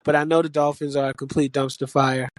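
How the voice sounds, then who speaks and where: Podcast co-host guy, blunt and opinionated, slightly high voice, dry close sound. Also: flat delivery, fast, no room sound. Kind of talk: casual sports betting chat.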